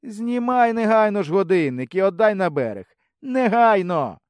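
A man voicing an excitable, fussy male film director who barks commands and turns whiny. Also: high-pitched, moderate pace, distant mic, pitched above the performer's own voice. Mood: shouting. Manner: shouting commands, turning whiny.

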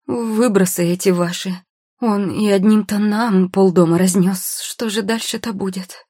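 A woman reading a storybook who voices a panicky young mother, with a shrill, breathless manner. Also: measured pace, a little mellow, breathy edge, no room sound, studio quality. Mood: alarmed. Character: frantic, fussy young mother.

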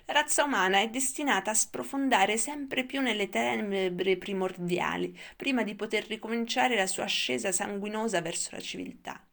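A woman's voice: mid-range voice, moderate pace, vocal fry, hardly any pauses, fairly bright tone. A woman reading the lines of a rambling, wistful old grandfather in an audiobook. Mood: lamenting. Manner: wistful, lecturing.

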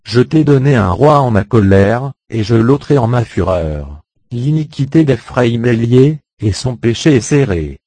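A man reading a Bible chapter aloud in a measured, solemn way. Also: medium pitch, lively intonation, mellow, dry recording. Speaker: Bible reader. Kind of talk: scripted scripture reading.

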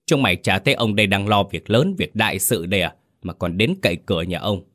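A man voicing a cruel, bad-tempered old village chief who shouts and scolds. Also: on the low side, fast. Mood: angry scolding.

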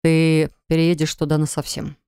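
A woman reading a flat, firm husband. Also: deep voice, moderate pace, smooth, no room sound, clean studio sound. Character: cool, decisive husband, grown man. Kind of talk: audiobook character voice.

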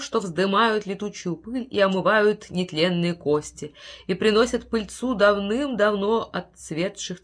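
A woman narrates an audiobook with steady, expressive storytelling. Her voice sits in a middle pitch, neither high nor low. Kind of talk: scripted narration.

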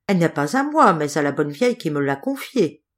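A woman's voice: low voice, big pitch swings, brisk. A woman voicing a kind, earnest fifteen-year-old girl in an audiobook fairy tale. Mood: resolute.

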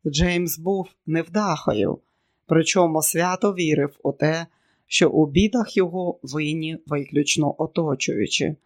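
A man narrating an audiobook in a measured, steady way. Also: a little high. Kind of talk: scripted narration.

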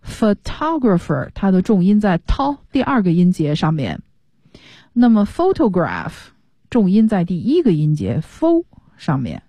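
A woman teaches English on a radio program, walking through each word's pronunciation with patience. Her voice sits a little low and sounds mellow. The studio sound is dry and close. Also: very animated, moderate pace, no room sound. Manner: patient, explains pronunciation step by step.

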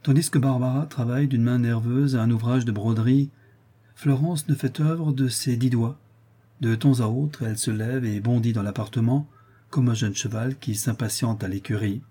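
A man's voice: medium pitch, fairly even intonation, moderate pace, mellow, husky. A man reading a novel aloud as an audiobook narrator, lifting his voice slightly for the characters' lines. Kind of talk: scripted narration.

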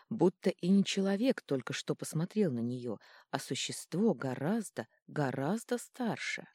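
Low-voiced woman reading a fantasy audiobook. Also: mellow, slightly rough, no room sound, clean studio sound. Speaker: audiobook reader. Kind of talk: scripted narration.

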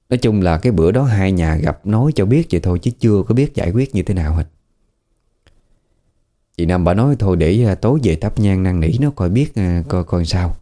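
A man's voice: fairly low pitch, warm tone. A man with a Southern Vietnamese accent casually retelling a spooky family story in a chatty, folksy way, sometimes voicing what people said. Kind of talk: casual spoken ghost story.

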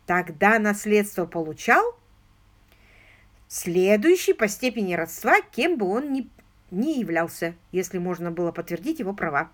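A woman's voice: medium pitch, natural voice. A woman doing a careful older lawyer. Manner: careful, qualifying explanations. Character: measured older male lawyer, dryly humorous. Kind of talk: audiobook character reading.

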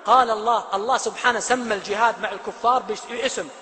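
A male preacher giving a sermon, swinging between loud emphasis and hushed quotes. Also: sits high, fairly even intonation, quick pace. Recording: long hall reverb.

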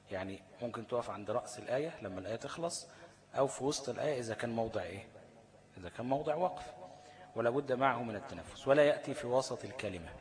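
A man with an Egyptian accent teaching Quran recitation rules. He reads definitions slowly, then explains them in colloquial speech and keeps asking his students check-in questions. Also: medium pitch. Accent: Egyptian Arabic. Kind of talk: explanatory lesson. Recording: long hall reverb.

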